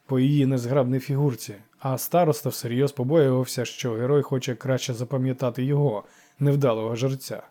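Male narrator, audiobook, lively storytelling, dark mellow tone. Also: medium pitch, fairly quick.

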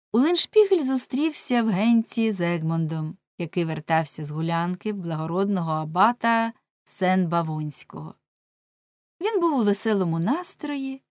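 A woman reading a classic tale aloud as an audiobook narrator, in a measured, dramatic storytelling manner. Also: mid-range voice, a little mellow, no echo, clean studio sound.

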